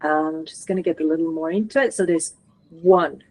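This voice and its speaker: Gentle coaching woman with a low voice. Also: brisk, poor audio. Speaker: spiritual channeler guiding a session. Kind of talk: guided channeling session.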